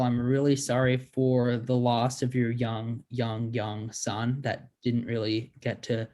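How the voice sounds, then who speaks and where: A man improvising an awkward East Coast expert who talks haltingly with many ums, heard over a video call. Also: mid-range voice, a little mellow, natural voice. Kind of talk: improvised comedy role-play.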